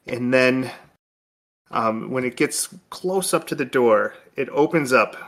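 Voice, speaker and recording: A man co-hosting a casual podcast chat, telling his ideas as animated stories full of fillers. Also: medium pitch, takes it slowly. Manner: animated storyteller, lots of "like" and "um". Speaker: podcast co-host.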